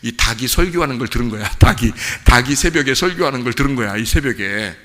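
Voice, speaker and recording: A man preaching a dawn sermon as pastor, animated, asking the congregation questions and acting out the people he speaks of. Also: mid-range voice, fast, long reverb tail. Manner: animated preaching, acts out voices, asks the congregation.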